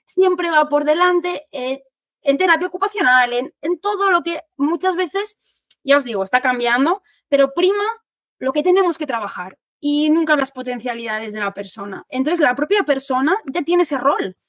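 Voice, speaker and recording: Spanish woman occupational therapist, high voice, animated explainer. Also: moderate pace, no room sound. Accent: Spanish from Spain. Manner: animated, explanatory, acts out quotes. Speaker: occupational therapist giving a talk. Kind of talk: informal talk to families.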